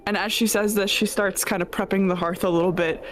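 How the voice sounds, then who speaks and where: A woman's voice: medium pitch, fairly even intonation, brisk, soft background music. A woman player narrating her character's actions in a tabletop game, in a casual way with hedging fillers.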